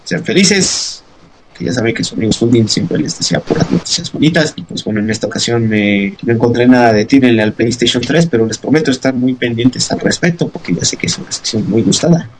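A man's voice: medium pitch, quick pace, hardly any pauses, a little hiss or hum, rough recording. A man co-hosting a podcast, explaining game news in a rambling casual way with many fillers. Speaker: podcast co-host. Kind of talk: casual news segment chat.

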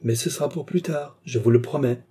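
A man's voice: mid-range voice, a little fast, mellow, husky, close to an everyday voice. A man reading a courteous young painter. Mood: gallant. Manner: polished, gallant.

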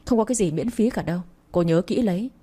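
Woman reading cold arrogant young man, curt, dismissive, mellow voice, storybook romance. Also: mid-range voice, expressive, fast talker, slightly rough.

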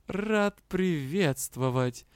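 A man's voice: a little high, expressive, clean tone, no echo, studio quality. A man doing a smug lazy cat spirit. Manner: languid, slow and self-satisfied. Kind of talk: audiobook character reading.

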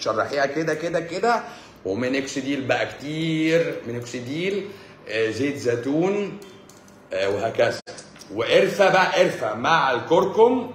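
A man in his forties with an Egyptian Arabic accent, chatting casually on a live stream, sarcastic and mocking, swinging between loud outbursts and low mutters. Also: echoey room, a little hiss or hum. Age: 40s. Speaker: doctor hosting a live stream. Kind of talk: casual live-stream chat answering comments.

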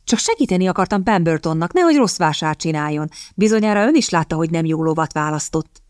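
A cool, mocking aristocrat who answers with dry, sardonic wit, as a woman narrator voices him. The voice stays low and is recorded close and dry. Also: expressive, darkish tone, dry recording, close to an everyday voice.

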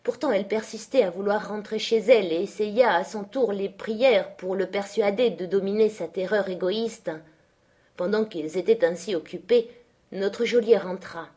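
Woman narrator for a literary audiobook, measured and steady delivery. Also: mid-range voice, slightly rough.

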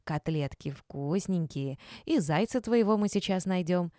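A stern yet doting older grandmother, voiced by a female audiobook narrator. Her voice is low and mellow, strict in reproach and soft when soothing. It is recorded close and dry. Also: expressive, unhurried, no room sound. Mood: cooing. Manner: stern scolding, softening to cooing. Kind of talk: audiobook character voice.

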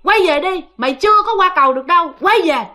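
A woman's voice: extremely high pitch, lively intonation, fast, bright, forceful tone, voice pushed up, heavily acted. A woman voicing a huge, stern man with a whip who guards a bridge and barks harsh orders. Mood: harsh, commanding.

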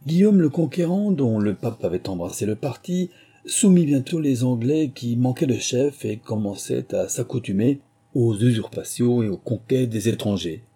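A man's voice: mid-range voice, animated, normal speed, warm tone, slightly rough. A man voicing a fussy, self-important male mouse who lectures the others pompously.

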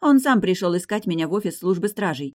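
A woman reading an audiobook, voicing a stubborn, sharp-tongued young woman who talks in firm, clipped phrases. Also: fairly low pitch, animated, fast, no room sound, clean studio sound, voice pushed up, lightly acted. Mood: defiant.

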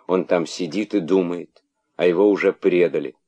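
A man's voice: deep voice, steady tone, normal speed, dark tone. A man voicing a young female monkey, an eager daughter who pleads with her mother. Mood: pleading.

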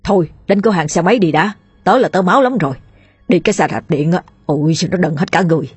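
A woman's voice: lowish voice, fast talker, darkish tone, slightly rough, no echo. A woman voicing a pompous, tipsy old man who poses as a holy master. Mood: scheming. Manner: lofty, then whiny and flustered.

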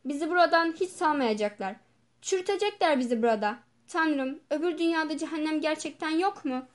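A woman reading the part of a desperate male asylum patient who shouts accusations in an audiobook. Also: high-pitched, brisk, pitched above the performer's own voice, close to an everyday voice. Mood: outraged.

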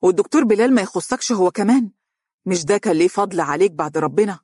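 A woman's voice: low-pitched, fairly even intonation, fairly quick, a little mellow, husky, no echo, clean studio sound. A narrator voicing an earnest young woman with an Egyptian accent. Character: eager young Egyptian woman, devoted sister.

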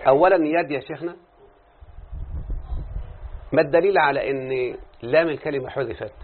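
A man's voice: fairly high pitch, brisk. A man with an Egyptian Arabic accent teaching a classroom lesson. He keeps checking in with his students, repeats points, and stretches out syllables as he explains. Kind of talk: classroom lesson with call-and-response. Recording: tinny phone-like lo-fi sound with faint background noise.

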